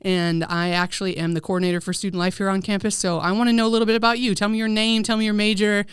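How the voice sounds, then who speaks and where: A woman's voice: medium pitch, little pitch movement, fast, clear, resonant tone, no echo, studio quality. Chatty woman podcast host. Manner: upbeat, chatty, with fillers. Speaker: podcast host, student life coordinator. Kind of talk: podcast hosting and interview.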